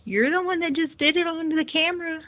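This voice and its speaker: A woman's voice: very high-pitched, steady tone, quick pace. A woman at home talking to her pet bird in a coaxing, teasing, sing-song way. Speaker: pet owner. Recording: tinny phone-like audio.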